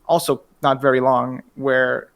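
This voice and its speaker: A man's voice: medium pitch, little pitch movement, a little slow, creaky, fairly bright tone. A man co-hosting a wrestling podcast, chiming in with quips and opinionated gripes in a casual chat. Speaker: podcast co-host.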